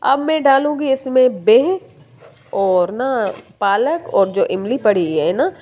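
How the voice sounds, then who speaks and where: A woman's voice: a little high, expressive, takes it slowly, lo-fi sound. A young woman, from Sindh, chatting to her viewers in a casual home vlog voice-over. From Sindh, Pakistan. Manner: chatty, addresses viewers warmly with fillers. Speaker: home vlogger. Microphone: phone.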